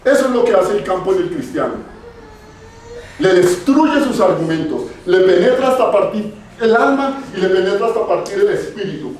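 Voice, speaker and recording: Male preacher, sermon, emphatic, repeats lines, high voice, booming echo, faint room noise. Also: animated, normal speed, darkish tone. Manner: emphatic, repeats phrases for stress. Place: church hall. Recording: very echoey hall, voice far off.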